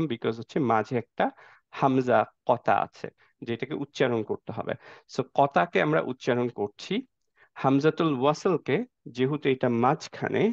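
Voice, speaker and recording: A man's voice: medium pitch, vocal fry, dry recording, muffled recording. Man teaching Quran reading, asking students questions. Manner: explains patiently, asks students questions; mixes English words into speech. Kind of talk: classroom lecture.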